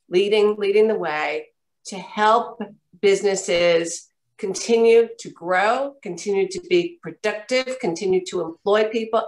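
A woman's voice: mid-range voice, low-quality recording. A woman hosting a video-call webinar, closing it out with lavish, repeated thanks and praise for the presenters. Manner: effusive, repeats herself, warm praise. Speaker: event host thanking presenters. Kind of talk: casual webinar wrap-up.

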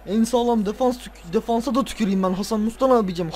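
A tired man playing a football video game, casually commenting, swearing and ranting at the players with excitable outbursts. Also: high-pitched, fast talker. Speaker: gaming video creator.

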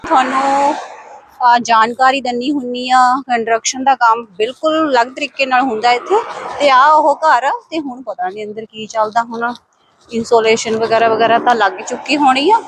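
A woman with a high-pitched voice talks casually to her viewers. Her delivery is a chatty, exclamatory running commentary, recorded on a walk outdoors with faint ambient noise behind her. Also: steady tone, normal speed. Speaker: vlogger. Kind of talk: casual walking vlog chat to viewers. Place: outdoors, walking along streets.

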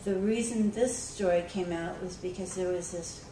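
A woman's voice: fairly low pitch, moderate pace, dark tone. Woman speaking in an echoey hall. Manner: conversational, with frequent ums and restarts. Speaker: school librarian speaking at a conference. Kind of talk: conference talk, storytelling. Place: conference room. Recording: echoey hall, recorded from far off with background noise.

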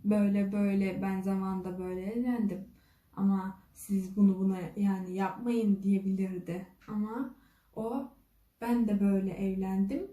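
Vlogger woman, casual storyteller, very dark mellow tone, roomy distant sound. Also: medium pitch. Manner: retells dialogue with frequent "dedi" and "dedim". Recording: echoey room, voice from a distance.

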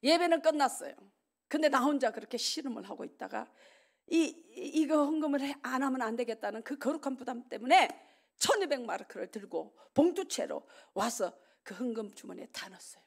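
A woman's voice: sits high, a little fast, gravelly. A middle-aged woman preacher giving a testimony sermon in a church, telling her story vividly and acting out the dialogue. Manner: animated storytelling, acts out dialogue, laughs often. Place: church sanctuary.

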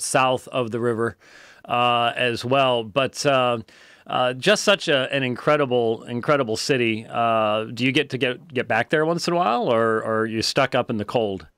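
An American man in his fifties hosts a casual conversational interview in a small book-lined studio, his medium-pitched voice a bit bright and clean. Picked up on a close studio microphone, the recording is dry and studio quality.

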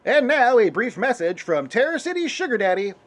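A dry, matter-of-fact puppet news anchor, voiced by a man. His voice is high and animated, rising and falling through deadpan lines. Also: fairly quick, full character voice. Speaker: host. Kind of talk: comedic spoof news.

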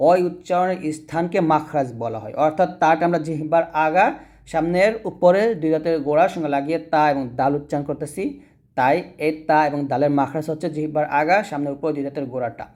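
A man leads a Quran reading lesson in a fairly high voice. He says each letter sound slowly and more than once, patiently, so learners can repeat it after him. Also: darkish tone. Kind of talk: teaching lesson.

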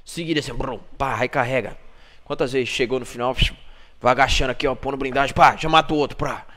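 A man's voice: medium pitch, steady tone, fast talker, pushed and bright. A man with a Brazilian Portuguese accent streaming a game live, trash-talking and greeting chat viewers.

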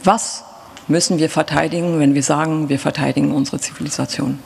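A middle-aged German author speaking on stage, thoughtful and halting, pausing often and filling gaps with hesitations. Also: female voice, low-pitched, fairly even intonation, creaky, a little mellow, slight background noise. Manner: thoughtful, halting, with pauses and fillers. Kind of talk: reflective talk before a reading. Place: large theatre stage. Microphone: stand mic, seated. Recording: reverberant hall.

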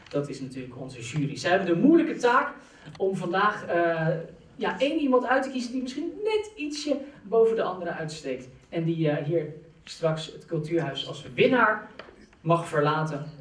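A woman presenting a reading contest on stage in a cultural center, speaking with hesitant fillers. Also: low-pitched. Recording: echoey hall, mic far off.

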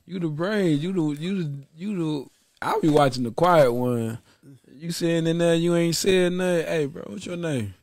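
A man co-hosting a casual podcast, teasing his guest with lots of laughter and rough banter. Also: a little high, measured pace, no room sound, clean studio sound. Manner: teasing, laughing, trash-talking. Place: small studio with red couches. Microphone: desk mic on boom arm.

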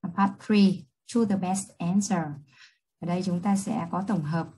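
A woman English teacher with a Vietnamese accent, reading test questions slowly and then explaining each answer quickly. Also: lowish voice, fairly even intonation, dark tone, breathy edge, poor audio. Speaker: high school English teacher. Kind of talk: exam review lesson.

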